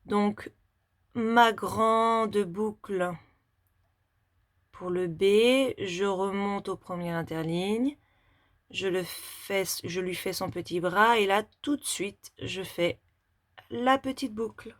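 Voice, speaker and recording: A woman gives a handwriting lesson for young children at an unhurried pace. She talks through every stroke as she writes, in a plain mid-range voice. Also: medium pitch. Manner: slow, step-by-step demonstration while writing. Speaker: teacher.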